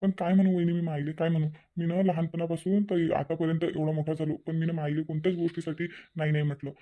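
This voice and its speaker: A man voicing a gentle, lovesick young village man in a cartoon family drama, speaking in a soft, pleading way. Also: a little high, flat delivery, quick pace, natural voice. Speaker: cartoon character. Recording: muffled with background music.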